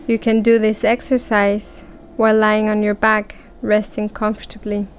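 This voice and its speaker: A woman guiding a relaxation breathing exercise, speaking calmly and counting breaths aloud with long pauses. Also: medium pitch, a little hiss or hum. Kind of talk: guided relaxation script.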